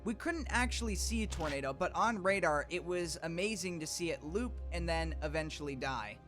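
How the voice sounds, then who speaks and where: A man's voice: on the high side, expressive, brisk. A man reading scripted documentary narration for a storm-chasing video. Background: music.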